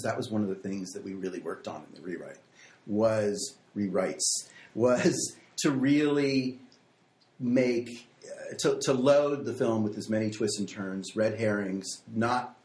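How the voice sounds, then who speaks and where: A man's voice: lowish voice, lively intonation, moderate pace, darkish tone. A man with a standard American accent, speaking casually as an interview guest. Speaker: screenwriter and podcast guest. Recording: echoey room.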